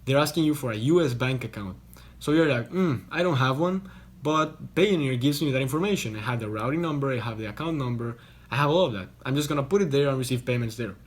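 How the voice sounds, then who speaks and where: A man's voice: mid-range voice, animated, quick pace. A young man from Costa Rica, talking casually to camera from a hotel room, explaining things in a chatty way and often restarting his words. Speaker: online business vlogger.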